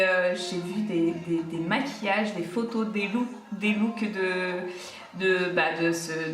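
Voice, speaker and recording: A woman's voice: mid-range voice, a bit bright. Chatty woman in an echoey room. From France. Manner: hesitant, chatty, many fillers. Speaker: beauty vlogger. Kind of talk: casual talk to camera. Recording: echoey room, mic at a distance.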